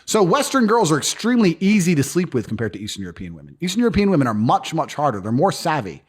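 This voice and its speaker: A man's voice: fairly high pitch, slightly rough. A man telling stories in a casual interview, blunt and profane. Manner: fast, animated, profane storytelling. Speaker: guest.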